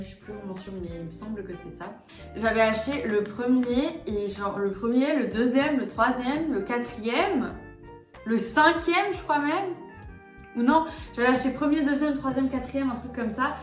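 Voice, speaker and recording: A young woman chatting casually in a book vlog, animated, swinging between quiet asides and excited bursts. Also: on the high side. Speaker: booktuber. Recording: echoey room with faint music.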